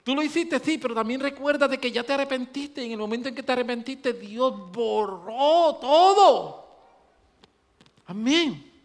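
A pastor preaching a sermon, swinging between loud emphatic stretches and low quiet ones, repeating phrases for emphasis. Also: male voice, quick pace.

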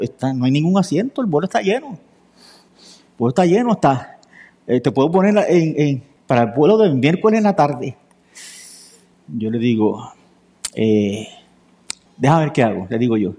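A man preaching a sermon, telling a story and acting out each person's lines. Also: fairly high pitch. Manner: lively storyteller acting out dialogue.

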